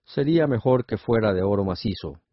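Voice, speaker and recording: Gold-hungry old king as a man reads him, low husky voice, radio story. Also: animated, a little fast, no echo. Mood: greedy. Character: greedy old king, later grieving. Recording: dull lo-fi radio recording.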